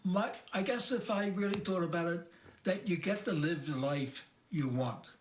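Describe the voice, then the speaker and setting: Gentle man in his eighties, roomy phone recording. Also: high-pitched. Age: 80s. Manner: halting, gentle, with pauses and restarts. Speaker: grandfather interviewed. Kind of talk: oral-history conversation. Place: living room at home. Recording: roomy home recording, faint hiss.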